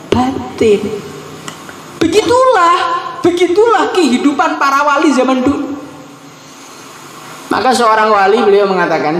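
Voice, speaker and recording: A man preaches a humorous sermon, dropping to low murmurs and then rising to high exclamations. His voice is lively and swooping. It rings through an echoey hall with long reverb and a faint hiss of noise behind it. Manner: animated, joking, swings between low murmurs and high exclamations. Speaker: Islamic preacher.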